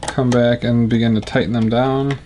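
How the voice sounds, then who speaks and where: A man's voice: mid-range voice, normal speed, background noise. A man with a Chicago accent, a guitar builder casually explaining his work step by step in a workshop. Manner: relaxed, matter-of-fact explaining while working. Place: woodworking shop.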